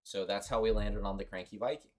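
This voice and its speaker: A man's voice: fairly low pitch, fairly even intonation, quick pace. A young man from Costa Rica streaming a mobile game, chatting offhand and rambling to his viewers. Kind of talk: casual livestream commentary.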